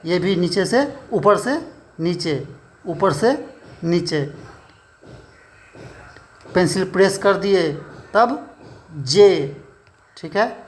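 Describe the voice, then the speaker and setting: A man teaching a shorthand class, explaining slowly and checking in with "theek hai" after every point. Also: high-pitched. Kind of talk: classroom lesson.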